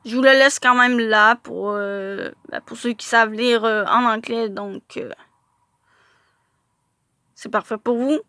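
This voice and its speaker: Woman, card showcase vlog, slow and halting, dry close sound. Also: fairly high pitch, steady tone, bright, forceful tone, clean tone, no room sound. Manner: hesitant, frequent filler sounds, stumbles over English names. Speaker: card collector vlogger.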